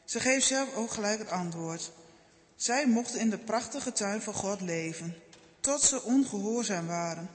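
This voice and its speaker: High-voiced man reading a children's story. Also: animated, unhurried, in a large hall. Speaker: narrator.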